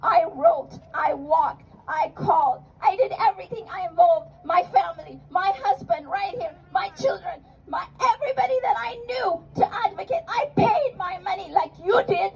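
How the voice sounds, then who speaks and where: High-pitched woman giving an impassioned rally speech. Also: animated, moderate pace, hardly any pauses, a little mellow, dull audio, a little hiss or hum. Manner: emphatic, repetitive, rhetorical questions. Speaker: activist speaker at a political rally. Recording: outdoor rally, distant mic, crowd behind.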